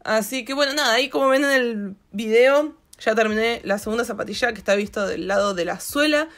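Speaking fairly quickly in a somewhat high, bright voice, a woman with an Argentine accent hosts an art channel. She chats casually and ramblingly over footage of her drawing, using lots of fillers.

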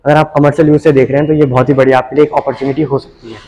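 A young man hosting a real estate channel, giving an upbeat sales pitch as he walks a street and an empty shop, with short pauses between phrases. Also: flat delivery, mellow, rough recording. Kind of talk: property walkthrough narration.

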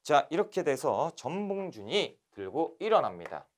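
A man from Korea giving a lively history lecture for exam candidates, telling the events as animated stories. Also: a little high, normal speed, a little hiss or hum. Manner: animated storytelling, acting out scenes. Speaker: history instructor.

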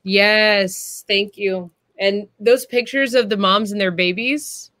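A woman's voice: mid-range voice, fairly even intonation, slow, a bit bright, no room sound, clean studio sound. A woman hosting an online event, effusive and encouraging, often repeating her words as she speaks over a video call. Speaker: event host. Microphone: webcam video call.

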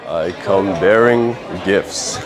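A man's voice: deep voice, very slow. A man in his thirties, a food vlogger, cheerfully describing dishes while eating in a busy restaurant. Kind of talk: casual food review chat. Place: restaurant dining room by the beach. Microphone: lapel mic. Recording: loud music and crowd behind. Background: piano music and diners chatting.

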